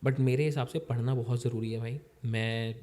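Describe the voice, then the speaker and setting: A man's voice: mid-range voice, fairly even intonation, normal speed, warm tone. A young man, a startup founder, talking in a casual podcast chat, making points emphatically and repeating them, dropping English phrases.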